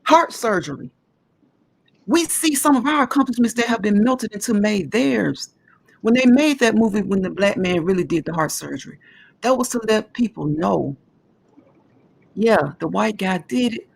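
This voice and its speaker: A woman's voice: mid-range voice, lively intonation, moderate pace, gravelly, husky. A woman in her forties talking at length in a casual discussion, earnest and emphatic as she explains her views. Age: 40s.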